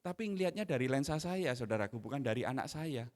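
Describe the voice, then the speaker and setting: A middle-aged man preaching a sermon in an animated way, dropping in slang. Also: medium pitch, quick pace. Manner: animated, mixes in Javanese slang, acts out his own scolding. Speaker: pastor. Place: church hall. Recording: long hall reverb.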